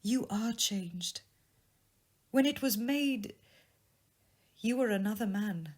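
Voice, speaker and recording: A woman voicing a sorrowful, dignified young woman in a classic storybook tale, speaking gently and earnestly. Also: mid-range voice, expressive, takes it slowly, voice pushed up. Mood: gentle reproach. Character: sorrowful, dignified young woman releasing her changed fiancé. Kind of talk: dramatised audiobook reading of a classic tale.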